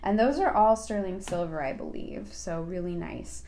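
A woman's voice: on the low side, animated, moderate pace, dark tone, a little hiss or hum. Bubbly woman gushing over products. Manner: bubbly, gushing, many fillers. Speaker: co-host of a live beading show. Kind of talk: casual live product chat.

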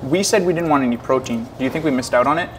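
A man's voice: medium pitch, very fast, background noise. A young man co-hosting a casual food mukbang, talking playfully between bites in a restaurant. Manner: playful, exclamatory, talks while eating. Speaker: co-host. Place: restaurant in Toronto.

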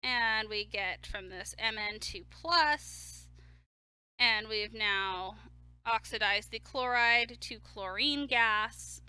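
A woman delivers a recorded chemistry lecture, walking through each step in a relaxed, conversational way. Her voice is bright and forward, and the sound is dry and close with no room echo. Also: a little high, slow pace, clean tone. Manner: casual, explains step by step with fillers.

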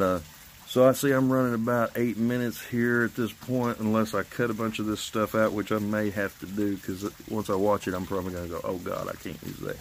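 A man in his fifties chatting casually and rambling through a vlog, recorded on a phone on a covered porch outdoors. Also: low-pitched. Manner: rambling, loosely organized. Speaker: vlogger. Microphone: phone at arm's length. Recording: outdoor phone recording with steady background noise.

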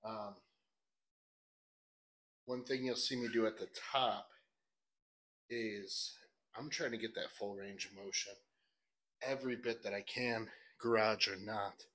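Man, lowish voice, casual workout vlog talk from a garage gym, coaching himself. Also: steady tone, slow pace, long pauses, fairly bright tone. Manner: coaching himself, grunting through hard sets. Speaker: bodybuilder training in a gym.

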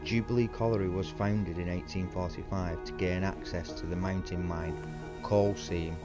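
A man gives a measured, informative voice-over about an old site. His voice sits very low. Music plays clearly underneath him. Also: fairly even intonation. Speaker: urban explorer host. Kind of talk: voice-over narration.

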